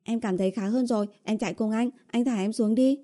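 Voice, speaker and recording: Casting: woman reading a pleading young woman in an audiobook, coaxing and whiny, with a mellow dark tone. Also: fairly high pitch, brisk, voice pushed up, natural voice. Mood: insistent. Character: young woman, coaxing and whiny, sweet-talking her boyfriend. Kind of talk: audiobook character voice.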